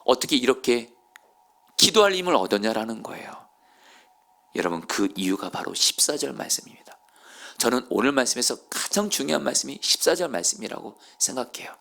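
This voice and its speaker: Gravelly, bright-toned male preacher. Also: medium pitch, very animated, a little fast. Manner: swings from hushed near-whispers to loud impassioned preaching; storytelling, addresses the congregation directly. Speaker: pastor. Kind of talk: sermon. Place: church, Friday evening service.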